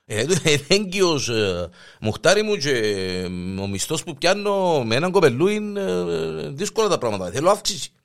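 A hesitant Cypriot village priest, quiet and halting, humming and pausing as he pleads, as a man puts him on while telling a joke. The voice sits a little high and moves lively. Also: vocal fry. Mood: sheepish pleading. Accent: Cypriot Greek. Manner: hesitant, full of hums and pauses.

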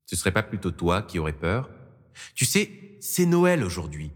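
A man's voice: sits low, very animated, normal speed, slightly rough, in a large hall, exaggerated voice. A man voicing a young, crude, teasing nun with casual slangy talk in an audiobook story. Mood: coaxing.

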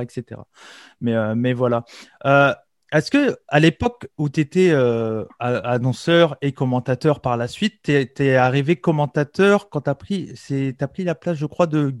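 A man's voice: mid-range voice, dry recording, clean studio sound. A man in his thirties from France hosting a wrestling interview podcast, talking eagerly with many fillers and restarts. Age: 30s. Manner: hesitant, filler-heavy, eager. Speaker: podcast host, commentator.

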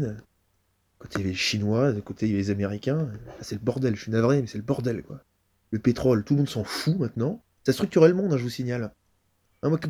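Guy playing an old geopolitics expert ranting fast, all worked up, low-ish warm tone. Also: slightly rough. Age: older. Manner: loud, rapid exasperated rambling. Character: older male geopolitics pundit, weary and ranting.

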